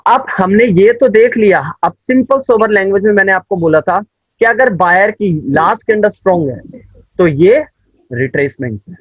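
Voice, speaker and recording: A man's voice: high-pitched, lively intonation, moderate pace, husky, dry recording, muffled recording. A man teaching a trading class over a video call, explaining step by step and often checking that his student understands. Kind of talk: live online class.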